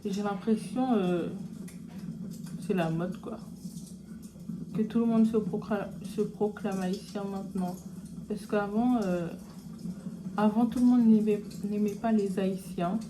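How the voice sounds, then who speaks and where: A woman's voice: medium pitch, a little slow, long pauses. Chatty young woman vlogging over noise. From French Guiana. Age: young adult. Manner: chatty, relaxed slangy asides. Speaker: beauty vlogger. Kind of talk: casual chat while doing makeup.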